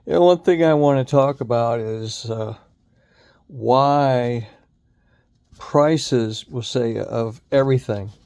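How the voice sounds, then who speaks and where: An older man in his sixties or beyond delivers a halting, emphatic back-in-my-day rant as an old-timer complaining about modern times. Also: medium pitch, vocal fry, a little mellow, smooth, no room sound, clean studio sound. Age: 60s or older. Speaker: video channel host. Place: inside a moving car while driving.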